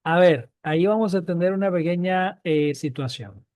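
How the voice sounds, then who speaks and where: A man with a mellow, darker tone teaches Biblical Hebrew, repeating each point and checking in with his students. His voice sits a little high for a man, on a dry recording with no room around it. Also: moderate pace, clean tone, no room sound. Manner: repeats key points, asks students questions. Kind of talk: online class lesson.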